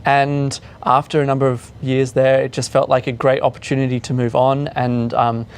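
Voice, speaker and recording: A man's voice: medium pitch, flat delivery, normal speed, clear, resonant tone. A man from Australia with a mixed Australian accent, a guest in a studio interview, talking easily with frequent fillers. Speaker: orchestra chief executive, guest.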